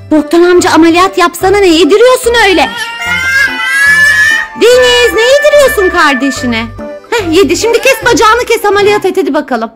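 Young mother, very high and swooping voice, playful and coaxing, background music. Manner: playful, coaxing and narrating a pretend doctor game. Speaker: mother playing with her children. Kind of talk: casual family play. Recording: music playing under the voice.

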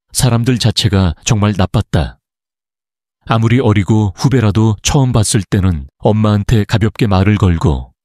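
Low-voiced man reading a story. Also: dark tone, no echo, studio quality. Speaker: story narrator. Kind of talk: scripted story narration.

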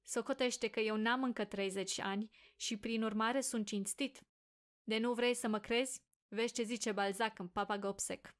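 Young man defending himself, earnest, higher voice as a woman reads him, audiobook. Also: fairly even intonation, natural voice. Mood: defensive.

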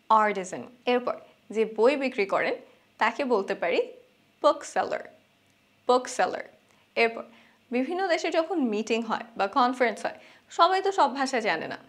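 A young woman leads a vocabulary lesson in a fairly high voice. She says each English word two or three times, slowing down to stress how it should sound. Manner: repeats each word slowly and clearly, stressing pronunciation. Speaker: English teacher.

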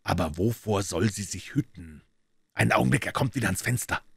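A man voicing a calm, incisive male master detective in a measured, deliberate way. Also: on the low side, vocal fry, slightly rough, no room sound, studio quality, exaggerated voice.

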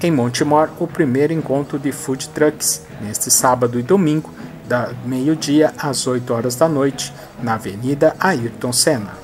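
A man's voice: medium pitch, unhurried, hardly any pauses, music in the background. A man in his thirties hosting a regional events show, reading listings and birthday greetings in an upbeat, friendly way on a headset mic. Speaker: host. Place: indoors against a plain bright wall.

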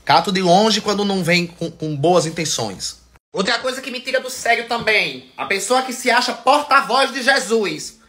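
A man's voice: sits high, expressive, normal speed, pushed and bright. A man from Brazil, venting to camera in a theatrical, emphatic monologue and swearing freely. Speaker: vlogger.

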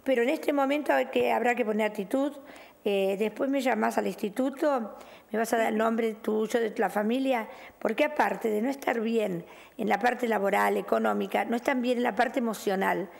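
Gravelly Rioplatense woman reading tarot. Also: on the high side, normal speed, a little mellow. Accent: Rioplatense Spanish. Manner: affectionate, chatty, calls caller "mi cielo", "querida". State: recovering from losing her voice. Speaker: tarot reader hosting a show. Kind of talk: on-air fortune-telling reading.

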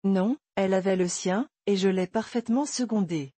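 A woman reads a wicked winged genie in a storybook, sly and blunt. Every answer comes out clipped. The voice is warm and slightly husky. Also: mid-range voice, normal speed, dry recording, lightly acted. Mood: curt. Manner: curt, blunt. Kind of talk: audiobook character reading.

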